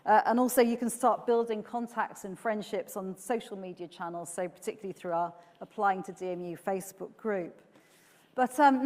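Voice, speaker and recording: A woman's voice: mid-range voice, darkish tone, in a large hall. A woman giving an earnest, upbeat welcome speech to prospective students, with the odd filler. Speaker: university speaker giving welcome talk.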